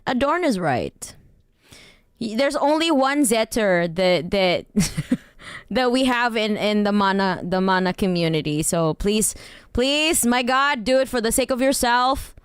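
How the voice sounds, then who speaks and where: Woman streamer, smooth and dry. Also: a little high, lively intonation, a little slow, dry recording. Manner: rambling, laughs often, swears casually. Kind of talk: casual livestream chat.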